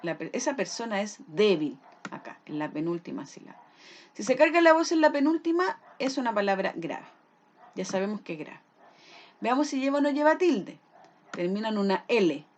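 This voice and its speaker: A woman's voice: mid-range voice, sing-song, moderate pace. A woman teacher explaining a lesson patiently, often checking that her pupils follow. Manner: patient, checks understanding with frequent "¿ya?".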